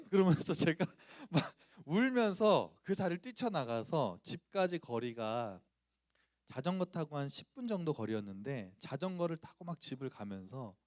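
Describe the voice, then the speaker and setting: A man's voice: a little high, no room sound, studio quality. A man, a pastor, preaching a sermon to students, telling a personal story and asking the congregation questions. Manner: acts out quoted voices loudly.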